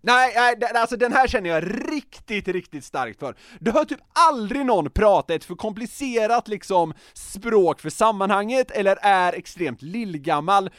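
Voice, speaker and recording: A young Swedish man co-hosting a podcast, talking in an emphatic, animated way and laughing often. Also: high-pitched, few pauses, dry recording, clean studio sound. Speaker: podcast co-host. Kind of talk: casual podcast chat.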